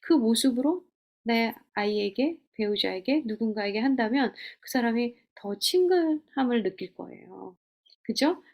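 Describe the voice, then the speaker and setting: Gravelly-voiced woman teaching gently. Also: on the high side. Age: middle-aged. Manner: gentle, coaching, asks rhetorical questions. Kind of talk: teaching lecture on communication.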